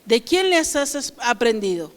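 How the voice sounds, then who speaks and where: A woman's voice: on the high side, sing-song, measured pace, clear, resonant tone. A woman pastor preaching a sermon to her congregation, often asking them questions and varying her delivery.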